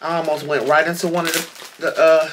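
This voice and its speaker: A woman's voice: low-pitched, level tone, fast talker, background noise. A woman chatting casually to viewers while unboxing a package at home, with lots of fillers and y'all. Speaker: vlogger.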